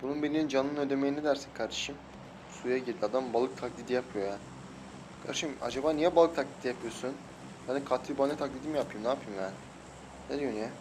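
A young man with a Turkish accent giving casual, excitable gameplay commentary and taunting opponents as he plays. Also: mid-range voice, fast talker. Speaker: mobile game streamer. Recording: noisy with loud gunfire behind.

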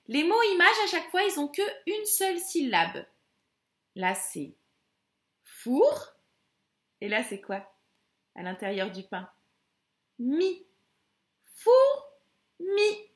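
Woman teacher, phonics lesson for small children, slow sing-song delivery, bright voice, echoey room. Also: a little high.

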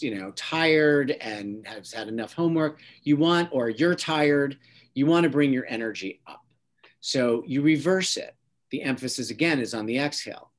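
A man, a psychologist, giving a calm instructional talk on stress and breathing techniques, guiding listeners step by step with frequent restarts. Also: mid-range voice.

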